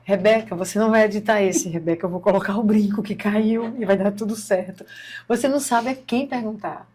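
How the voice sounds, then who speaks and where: A woman's voice: mid-range voice, a little fast, darkish tone, husky. A Brazilian woman hosting a faith podcast, encouraging and speaking straight to her viewers. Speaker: podcast host. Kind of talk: podcast interview.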